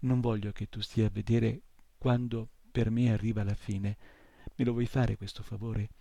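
A man voicing a small despairing horse in an audiobook reading, speaking softly and heavily with sorrow. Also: lowish voice, flat delivery, moderate pace, gravelly, no room sound, dull audio. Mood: sorrowful. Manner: soft and heavy with sorrow. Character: small despairing male horse, weary and sad.

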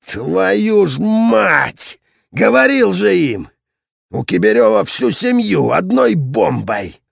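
A man's voice: a little high, sing-song, measured pace, creaky, a bit bright, husky, no room sound, clean studio sound, heavily acted. A man voicing a male regiment commander with a weak, near-whimpering yet harsh voice, barking orders over a field phone in an audiobook. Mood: furious. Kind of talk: audiobook character voice.

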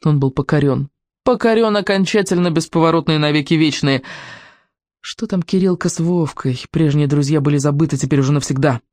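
A man narrating a children's storybook in an even, clear reading voice. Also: on the high side, brisk, dry recording, studio quality. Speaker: audiobook narrator.

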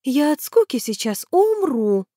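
A woman doing an excitable chatty young woman. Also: very high voice, no room sound, clean studio sound, voice pushed up, full character voice. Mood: bored. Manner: excitable, quick to exclaim.

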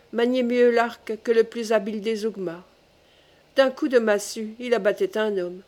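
A woman reading a prehistoric adventure novel aloud in a measured storytelling manner. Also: on the high side, darkish tone. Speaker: audiobook reader. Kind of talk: scripted narration of a novel.

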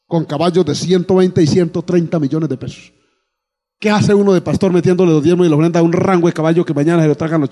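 Pastor preaching in echoing hall. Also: male voice, a little high, warm tone. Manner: preaching to a congregation with frequent "amén" and "alabado el nombre de Jesús". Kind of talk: sermon. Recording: long hall reverb.

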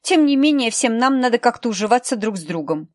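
A woman's voice: a little high, lively intonation, brisk, dry recording, clean studio sound, pitched above the performer's own voice, close to an everyday voice. A woman voicing a cold, sarcastic female assistant who speaks mockingly with steel in her tone.

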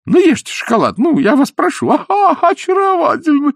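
Giddy fawning flatterer, shrill very high voice, loud, exclamatory, breathless, dry close sound. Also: male voice, normal speed, creaky, no echo, full character voice. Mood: gushing. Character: giddy fawning man gushing compliments.

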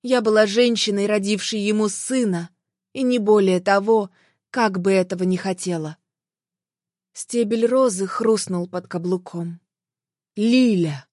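A woman reading a first-person audiobook in an emotional, expressive way. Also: medium pitch, measured pace, no room sound, studio quality. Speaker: audiobook narrator.

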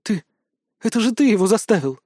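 A man's voice: high-pitched, sing-song, fairly quick, warm tone, no room sound, clean studio sound, pitched above the performer's own voice. Man voicing a tearful, gushing young woman. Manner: emotional, gushing.

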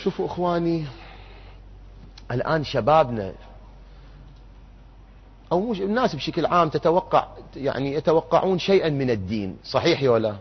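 Man, lecturing, lively pitch, husky voice, muffled lo-fi recording. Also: a little fast, pauses often. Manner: animated, questions the audience and answers himself. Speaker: religious lecturer. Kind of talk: interactive religious lecture.

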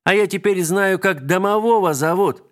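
Brief: bubbly little girl, high squealing voice, nonstop chatter, read by a man. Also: animated, normal speed. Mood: excited.

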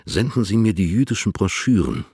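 An actor playing Goethe as an aging, stately poet reading out letters in a radio drama, measured, courtly and fondly patronizing. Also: male voice, fairly low pitch, lively intonation, a little mellow, breathy edge, dry recording, clean studio sound. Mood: dryly requesting. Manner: measured, formal, courtly delivery.

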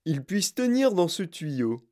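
A narrator voicing a stolid, cautious father who speaks in a gruff, matter-of-fact way. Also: mid-range voice, very animated, unhurried, warm tone, voice pushed up. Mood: exasperated. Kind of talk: audiobook character voice.

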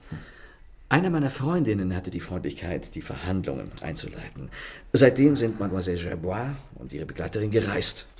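This is an actor in a German radio play voicing a gentleman thief who is self-assured, courteous and mocking. His low-pitched delivery has polished theatrical manners.

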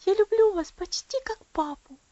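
Storybook little girl, earnest and devoted, high and eager, read by a woman, dull dry lo-fi sound. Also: normal speed, mellow, dry recording. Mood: eager, heartfelt. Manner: eager, heartfelt. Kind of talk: audiobook character voice.

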